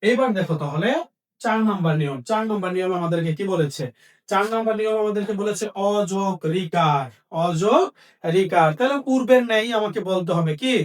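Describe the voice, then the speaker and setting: A man's voice: high voice, fast talker, recorded from a distance. A man teaching a language lesson, asking questions and then answering them himself, repeating each key point. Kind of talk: Bengali grammar lesson.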